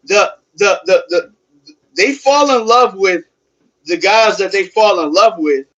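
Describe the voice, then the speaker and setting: High-pitched man ranting while on a treadmill. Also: unhurried, a bit bright, lo-fi sound. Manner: talking while exercising on a treadmill; emphatic, repeats phrases, poses rhetorical questions. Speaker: sports fan livestream host. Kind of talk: livestream sports commentary, casual rant.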